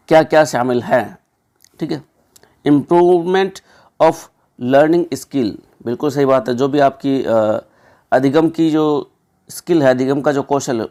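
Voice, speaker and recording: A young man working through exam questions as a teacher, chatty, often checking in with listeners, reading options slowly before explaining them. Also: medium pitch, warm tone. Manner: conversational, repeats "ठीक है" and "दोस्तों"; reads English options slowly, then explains.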